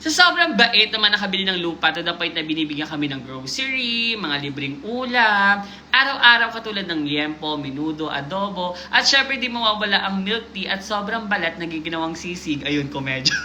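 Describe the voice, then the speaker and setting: A woman's voice: medium pitch, lively intonation, moderate pace, pushed and bright, a little hiss or hum. A woman hosting a live stream, reading a viewer's submitted story aloud and breaking off to joke and comment on it. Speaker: livestream host reading viewer stories.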